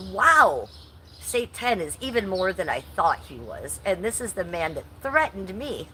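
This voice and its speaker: Her voice sits fairly low and comes out pushed and bright, with a faint hiss or hum in the recording. She's an Ohio woman livestreaming casually from her home and backyard, nasal and stuffed up from allergies. Walking around outdoors, she chats, swears freely, and reacts to her chat.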